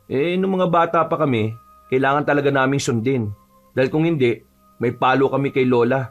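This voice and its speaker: A man's voice: mid-range voice, brisk, muffled recording, faint music behind. A man narrating an audio horror story and voicing its earnest lead character.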